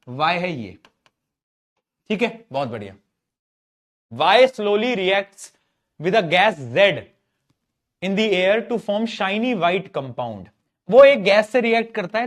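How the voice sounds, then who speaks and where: Guy in his 20s, teaching online, chatty and teasing, reads stuff out slow. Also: sits high. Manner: chatty, teasing, jokes with students; reads questions out slowly. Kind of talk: online class lecture.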